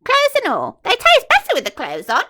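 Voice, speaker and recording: A woman's voice: very high voice, wildly swooping pitch, normal speed, voice pushed up, heavily acted. A woman doing a gloating, boastful giant crocodile. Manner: gloating, sing-song, loud.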